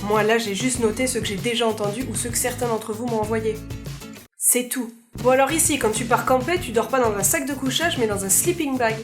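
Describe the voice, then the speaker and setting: A woman's voice: fairly high pitch, a little fast, music in the background. A woman vlogger explaining words in a casual, playful, self-mocking way.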